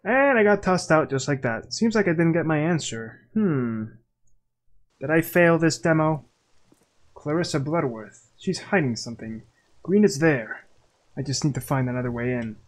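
A man's voice: on the high side, animated, moderate pace. Casual gamer man reading game text. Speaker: gaming video creator. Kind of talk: let's play commentary and reading.

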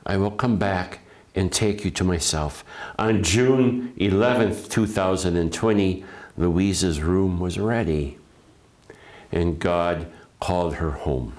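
Man, priest, funeral homily, very low voice, unhurried, gentle and reflective. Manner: slow, gentle and reflective, with restarts.

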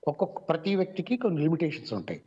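Telugu accent guy explaining stuff slowly on online radio, lots of pauses and fillers, bit high voice, muffled lo-fi sound. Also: huge pitch swings, dark tone, husky. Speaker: mimicry artist guest. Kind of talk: radio interview answers. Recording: dull lo-fi online radio audio.

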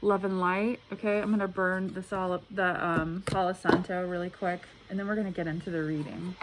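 A woman's voice: lowish voice, fairly even intonation. Woman muffled through a face mask, background noise. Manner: halting, earnest, repeats words. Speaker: tarot reader. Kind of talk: casual spiritual tarot reading to camera. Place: indoor room at a table. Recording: clearly noisy room recording.

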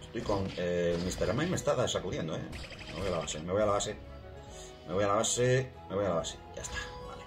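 A man with a Spain accent commentating his own video game match, excitable and yelling at the action. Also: low voice, brisk. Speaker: gaming channel host. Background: game music.

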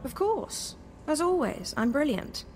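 A cocky young Sith acolyte trades smug, mocking lines in a video game. Her voice runs high and swoops widely. Clear background noise from the game sits under it. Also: sing-song, a little slow, a little mellow. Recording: game audio with noisy background.

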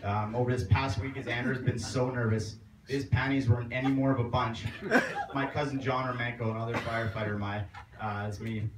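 A young man giving a joking, teasing wedding toast as best man, roasting the groom with pauses between lines. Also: medium pitch, steady tone. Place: outdoor garden tent at a wedding reception. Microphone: distant camera. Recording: roomy, far mic, loud laughing crowd noise. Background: guests laughing, loud ambient noise.

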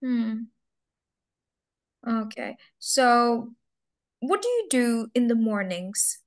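A young English teacher runs a mock speaking test, patiently coaxing and repeating her questions and key words many times. Her voice is a little high and very animated, and she speaks very slowly.

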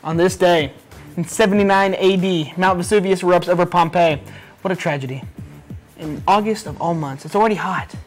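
A man's voice: high-pitched, a little fast, faint music behind. A teenage young man co-hosting student news, reading school announcements with casual, folksy asides. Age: teens. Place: small school video studio, seated at desk.

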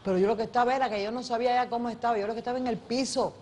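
A woman's voice: a little high, very fast. A woman, an actress, telling a story in a documentary interview, acting out other people's lines as she goes. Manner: lively storyteller who acts out others' voices. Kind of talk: animated anecdote telling.

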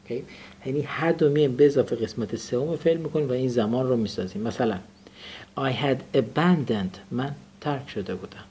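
A man's voice: medium pitch, warm tone, husky. A young adult man teaching a classroom vocabulary lesson, explaining grammar and having students repeat phrases after him. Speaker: English teacher.

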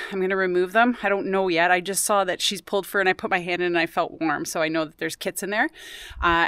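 A woman vlogging casually on her homestead, explaining her rabbit care as she goes and dropping to a soft hush near the animals. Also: lowish voice, clear, resonant tone, dry recording, studio quality. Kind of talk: casual vlog chat.

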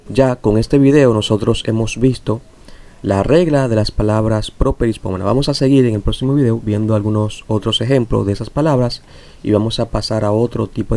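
Gravelly-voiced man teaching a lesson. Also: medium pitch, dark tone. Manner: patient, repeats rules to make them clear. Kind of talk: recorded lesson.

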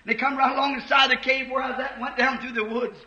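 A man preaching a fervent sermon, telling a personal story with rising emotion and bursts of shouting. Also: very high-pitched, little pitch movement, fast talker. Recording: muffled, roomy old sermon recording.

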